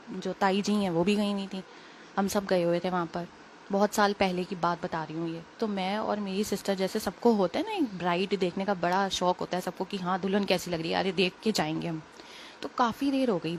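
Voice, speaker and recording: A young woman, a little unwell, telling a personal story in quick, rambling, casual talk full of fillers. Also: mid-range voice, a little hiss or hum. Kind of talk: casual spoken testimony.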